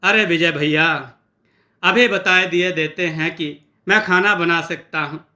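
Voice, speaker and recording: A man's voice: on the high side, a little slow, sharp tone. A man voicing a small rat-like creature, a cheeky, folksy helper who cooks in secret.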